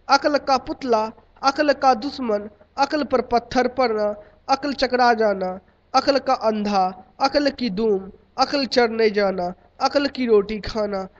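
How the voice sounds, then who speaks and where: High-voiced man reading idioms in a list. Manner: steady list-reading cadence. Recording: dull lo-fi recording.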